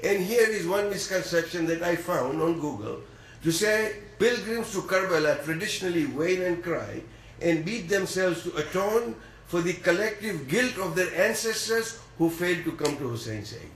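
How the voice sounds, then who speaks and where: A man from East Africa delivering an earnest sermon at a measured, deliberate pace. His voice sits a little high for a man and carries into a roomy, echoing space. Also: lively intonation, a bit bright, slight background noise. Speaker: preacher. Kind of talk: religious sermon.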